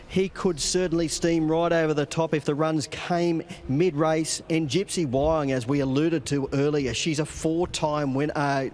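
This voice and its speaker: A man's voice: on the high side, darkish tone. An Australian man giving a betting tipster's preview as a greyhound racing co-commentator.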